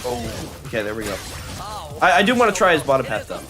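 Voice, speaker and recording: A young adult man streaming a video game, talking in an excitable, rambling way with many fillers and restarts as he plays. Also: medium pitch, fast talker, over music. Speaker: gaming streamer. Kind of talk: live gameplay commentary.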